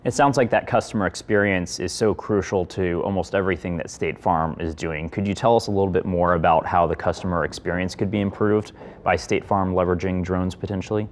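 Deep-voiced young male interviewer. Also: fairly quick. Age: young adult. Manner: calm, asks short prepared questions. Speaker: interviewer, company CEO. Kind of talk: business interview. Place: studio set. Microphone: lapel mic.

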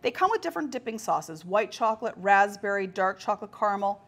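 A woman's voice: medium pitch, very animated, quick pace, fairly bright tone. A young woman co-hosting a restaurant show, chatting with bubbly enthusiasm and frequent laughs. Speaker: food show co-host. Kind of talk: casual food-show chat.

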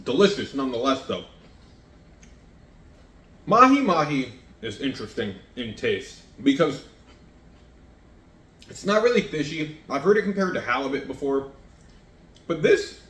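Recorded by a fixed camera across the counter in his echoey kitchen, a home cooking vlogger in his thirties chats to the lens as he cooks and tastes. His mid-range voice is fairly bright and sing-song, unhurried, with long pauses. He rambles and is self-deprecating.

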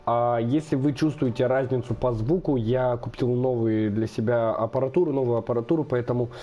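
A young man runs a gaming channel, casually commentating on a football management game in a let's-play, thinking aloud with lots of fillers. His mid-range voice is warm and brisk with fairly even intonation, though it sounds a little off because he's slightly unwell.

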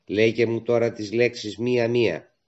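A man voicing an eager, spirited young woman resistance worker who asks quick, insistent questions, on a dull lo-fi recording. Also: mid-range voice, steady tone, darkish tone, natural voice.

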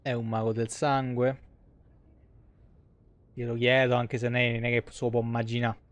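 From a small indoor streaming room, an Italian game streamer talks loosely and at length into a close desk microphone. His medium-pitched voice is completely flat, and his pace is moderate.

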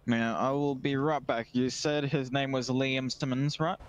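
A man's voice: mid-range voice, fairly even intonation, measured pace, a little hiss or hum. A man casually improvising as a police deputy in an online role-play game.

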